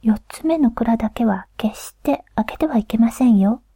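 A woman's voice: a little high, expressive, normal speed, mellow, slightly rough, dry recording, studio quality. Woman whispering as a polite warbler-spirit mother. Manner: courteous, formal whisper.

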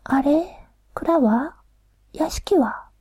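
A woman's voice: high voice, lively intonation, extremely slow, dark tone, dry recording, pitched above the performer's own voice, heavily acted. Woman whispering as a rustic easygoing man. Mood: bewildered. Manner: whispered, rustic old-style speech. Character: simple old-fashioned man, easygoing and curious.

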